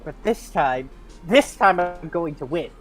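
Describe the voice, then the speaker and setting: A woman's voice: lowish voice, lively intonation, soft background music, close to an everyday voice. Woman voicing Mia Fey, earnest rookie lawyer. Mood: determined. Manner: earnest, halting when flustered. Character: young female rookie defense lawyer, nervous but determined.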